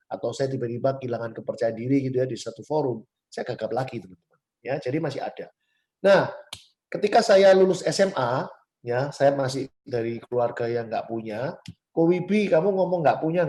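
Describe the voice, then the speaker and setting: A man in his forties from Surabaya, telling his own life story to viewers in a fast, chatty, emphatic way, often speaking to them directly. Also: medium pitch. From Surabaya, Indonesia. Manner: emphatic, addresses listeners directly, sharp rises on key words; self-described fast, chatty talker. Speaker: motivational speaker. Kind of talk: personal story talk to viewers.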